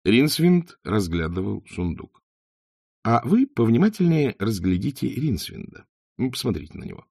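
A man narrating an audiobook with expressive storytelling. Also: medium pitch, moderate pace, creaky, breathy edge, no room sound, clean studio sound. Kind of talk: scripted narration.

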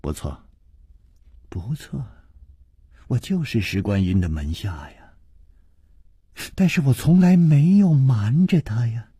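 A young woman in a radio story speaks low and trembling, as a male storyteller puts her on. Her voice is husky and slow, close and dry. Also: animated, mellow, dry recording, exaggerated voice. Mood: tense. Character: trembling young woman, former disciple of a villain.

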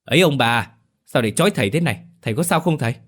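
A male storyteller plays an anxious young son. He talks in a nervous, hurried way. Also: sits low, close to an everyday voice. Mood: alarmed.

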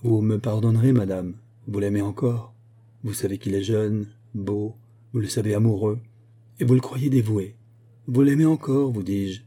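A man voicing a stern, commanding older husband in an audiobook reading, measured and cold. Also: on the low side, fairly even intonation, mellow, breathy edge. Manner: impérieux, measured.

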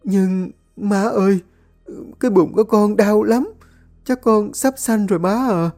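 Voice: mid-range voice, unhurried, darkish tone, faint music behind, pitched above the performer's own voice, lightly acted. A storyteller voicing a meek young pregnant daughter-in-law who pleads and whimpers. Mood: pleading.

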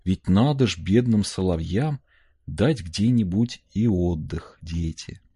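A man voicing a gentle peasant mother who tells her children stories and scolds them fondly. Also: low voice, animated, slow, slightly rough, no room sound, clean studio sound, heavily acted. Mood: tender. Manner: tender, fondly scolding, storytelling.

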